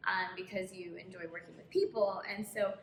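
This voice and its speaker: A woman co-hosts a casual interview and asks direct, inquisitive questions. Her voice echoes in the room, with a clear ambient hum behind it. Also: mid-range voice, fairly even intonation, normal speed, a bit bright. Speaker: co-host, accountant.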